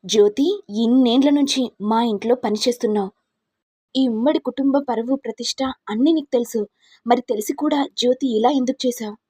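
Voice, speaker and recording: A woman's voice: a little high, a little fast, warm tone, breathy edge, no echo, clean studio sound. A woman voicing a stern, angry older woman who heads a big family and scolds and threatens. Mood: angry scolding.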